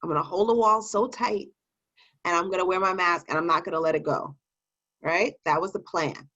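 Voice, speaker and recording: A woman's voice: on the low side, fairly even intonation, fairly quick, sharp tone. A tipsy woman host rambling through a casual rant, playfully mimicking the way other people talk. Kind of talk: casual ranting chat. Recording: dull lo-fi audio.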